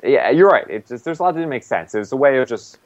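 A man chats casually about a TV episode, his pitch swinging up and down as he rambles with plenty of fillers. The recording is dry and a bit dull, with little room sound. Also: big pitch swings, quick pace, no echo. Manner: loose and rambling, many "like" fillers. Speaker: podcast co-host. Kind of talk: casual TV recap chat.

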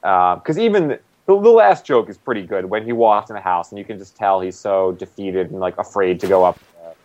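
A man's voice: low-pitched, animated, a little fast, darkish tone, no room sound, dull audio. A man co-hosting a casual TV recap chat, talking loosely with lots of "like" fillers. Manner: loose and rambling, many "like" fillers. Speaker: podcast co-host.

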